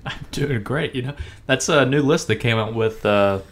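A man's voice: mid-range voice, moderate pace. A man co-hosting a sports podcast in casual chat, blunt and self-deprecating. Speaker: podcast co-host.

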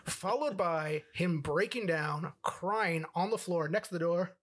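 A man's voice: a little high, measured pace, a bit bright. A man co-hosting a movie review podcast in casual chat, rambling with lots of filler words. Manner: rambling, full of "like" and "you know". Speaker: podcast co-host.

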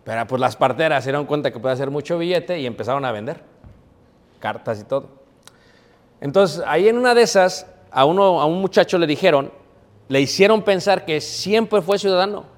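Male preacher, chatty sermon, bit high-pitched, lingering hall reverb. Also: animated, a little fast. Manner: conversational, asks the audience rhetorical questions. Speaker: preacher teaching a Bible class.

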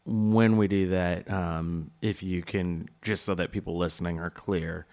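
A man hosting a casual interview, speaking in halting, hesitant phrases. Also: sits low, fairly even intonation, a little mellow. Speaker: podcast host.

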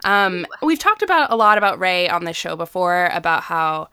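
A young woman co-hosting a podcast with a lowish, smooth voice. She is recorded dry and close, and she talks in an eager, gushing way, packed with fillers. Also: sing-song, normal speed, sharp tone, no echo. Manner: enthusiastic, gushing, filler-heavy. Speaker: podcast co-host. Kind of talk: casual fan discussion.

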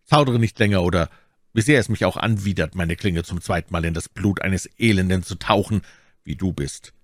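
A man's voice: deep voice, normal speed, no room sound, clean studio sound. A man reading an audiobook, voicing a bold young male swordsman who speaks sternly and commandingly. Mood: threatening.

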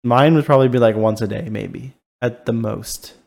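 A man's voice: medium pitch, normal speed, vocal fry, darkish tone. A man co-hosting a podcast in casual chat, hesitant and full of filler words. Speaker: podcast co-host.

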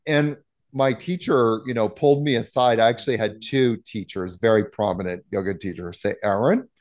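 A man's voice: fairly low pitch, moderate pace. Outspoken middle-aged man, yoga guest. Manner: emphatic, outspoken, many fillers. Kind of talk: casual interview talk.

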